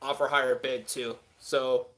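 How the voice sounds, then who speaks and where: A man's voice: mid-range voice, flat delivery, unhurried, fairly bright tone. A man hosting a live stream, rambling casually and answering chat with many filler words.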